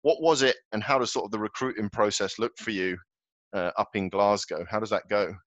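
A male podcast host with a lowish, fairly bright voice talks quickly, asking loose, rambling questions full of fillers in a casual interview chat. The recording is dry, dull, and lo-fi.

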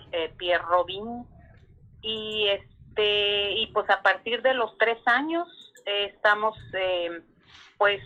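Caller: woman in her sixties heard over a dull phone line; bright, slow, halting delivery. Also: medium pitch. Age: 60s. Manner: halting, searching for words, often restarting. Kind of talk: telling a personal story on a live call-in.

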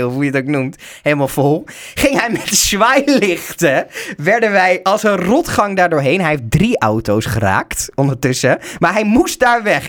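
A young man from the Netherlands telling a road-trip mishap in casual chat, animated, breaking into loud mock shouts. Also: high-pitched. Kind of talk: casual storytelling.

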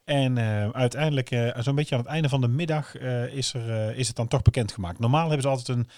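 A man with a Brabant Dutch accent co-hosts a podcast in casual chat. His voice sits at a middling pitch. The sound is dry, with very little room on it. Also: fast, a little mellow, dry recording. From Brabant, southern Netherlands. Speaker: podcast co-host.

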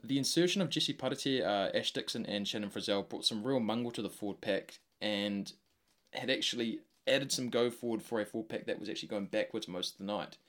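Low-voiced man podcasting. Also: brisk, fairly bright tone. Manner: informal, slangy. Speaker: sports podcast host. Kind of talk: solo rugby recap podcast, semi-scripted commentary.

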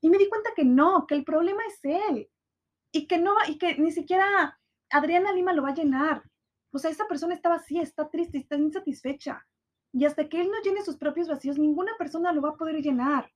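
Young woman, Mexican accent, high-pitched, casual storytelling, slangy, acts out quotes, stressed. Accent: Mexican Spanish. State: anxious, stressed.

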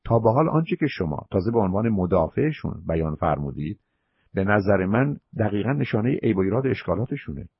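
A man's voice: lowish voice, big pitch swings, breathy edge, no room sound, dull audio. A man hosting a call-in advice show, lecturing the caller emphatically and at length. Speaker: radio psychology show host.

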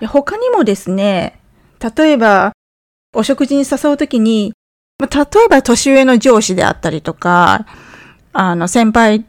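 A woman with a fairly high voice leads an English lesson, explaining phrases and running repeat-after-me drills. She sounds friendly and encouraging when she says the English lines. The recording is dry and close, with no room sound. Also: no echo. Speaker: English teacher.

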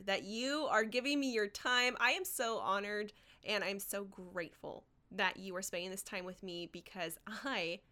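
A marketing coach from Washington state hosts a solo podcast, telling personal stories and speaking straight to her listeners with enthusiasm and encouragement. This American woman has a medium-pitched, pushed and bright voice.

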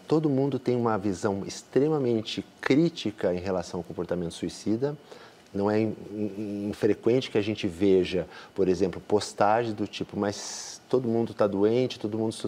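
A man, a doctor speaking as a guest in an interview, explaining calmly. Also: lowish voice. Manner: calm, explanatory.

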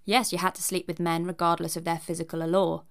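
A woman's voice: fairly low pitch, little pitch movement, quick pace, creaky. A woman giving a scripted narration with chatty asides in a wry, cheeky, conversational manner.

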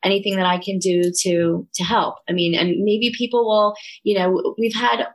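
A middle-aged yoga studio owner from Delaware County, Pennsylvania, chats casually as an interview guest in a Delco, Philadelphia-area accent. Her mid-range voice is steady and moves at a normal speed, earnest and enthusiastic throughout. The recording quality is low.

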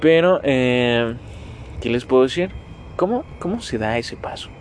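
A man's voice: medium pitch, lively intonation, unhurried, slight background noise. A nineteen-year-old man with a Mexican Spanish accent hosting a casual solo podcast, rambling, self-mocking and swearing freely as he talks straight to his listeners. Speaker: podcast host.

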